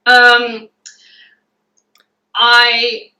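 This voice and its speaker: A woman with a New Zealand accent, a guest author chatting casually, animated and quick to laugh, often restarting her phrases. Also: fairly high pitch, reverberant, poor audio. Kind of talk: casual video chat.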